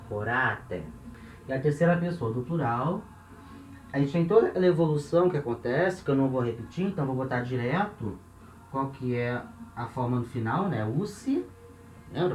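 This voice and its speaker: A man's voice: mid-range voice, animated, normal speed, darkish tone, distant mic. A man with a Brazilian Portuguese accent teaches a lesson, working through each step, counting aloud and often checking that his listeners follow. He stands some way from the microphone in an echoing room, with a faint hiss in the background. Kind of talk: classroom lesson at a board. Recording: roomy echo, off-mic, faint hiss.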